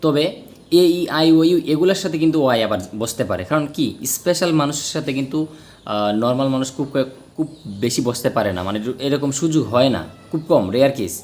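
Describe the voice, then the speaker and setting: A man's voice: medium pitch, animated, quick pace, darkish tone. A man teaching English grammar, explaining step by step and answering his own questions. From Bangladesh. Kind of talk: spoken grammar lesson.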